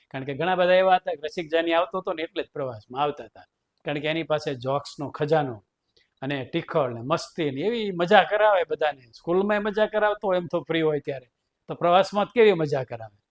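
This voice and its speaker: A man's voice: a little high, a little fast. A man telling a humorous story, chuckling often between sentences.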